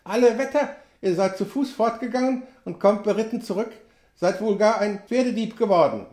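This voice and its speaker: A man's voice: high voice, normal speed, darkish tone, pitched above the performer's own voice, lightly acted. A man voicing a chatty, folksy old frontier trapper who talks in clipped, colloquial phrases and exclaims often. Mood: surprised. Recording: roomy echo.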